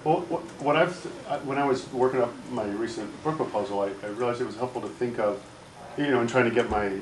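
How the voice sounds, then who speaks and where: A man's voice: mid-range voice, quick pace. A man author speaking casually on a conference panel. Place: conference room with audience. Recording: distant mic in echoey noisy room.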